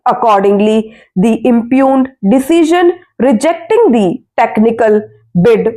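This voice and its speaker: A woman reads a formal text aloud as slow school dictation, in measured phrases with deliberate breaks so that listeners can write it down. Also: a little high, mellow. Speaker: dictation reader for stenography practice.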